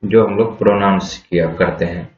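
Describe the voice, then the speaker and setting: In a muffled, lo-fi recording with room echo, a man teaches English vocabulary slowly and patiently in a fairly low, steady voice. He spells each word letter by letter and poses questions to his class that he then answers himself.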